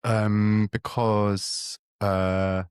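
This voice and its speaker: A man's voice: fairly low pitch, little pitch movement, extremely slow, a little mellow, clean tone, no echo, studio quality. A man co-hosting a podcast in casual, self-mocking, playful banter. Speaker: podcast co-host. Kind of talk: casual chat.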